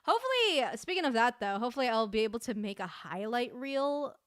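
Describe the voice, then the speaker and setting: A woman's voice: fairly high pitch, sing-song, fairly quick, clear, resonant tone. A woman streamer giving casual, chatty commentary at a year-end awards stream, laughing often.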